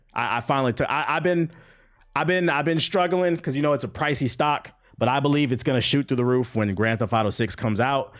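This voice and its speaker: A young man riffing casually on gaming news during a live stream, mocking and profane, with bursts of laughter between comments. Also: mid-range voice. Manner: animated, profane, mocking banter.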